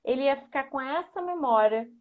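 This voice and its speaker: A woman explaining how young children learn and telling a family anecdote in an animated, conversational way. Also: high voice, moderate pace, narrow, tinny audio. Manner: animated, lots of "né".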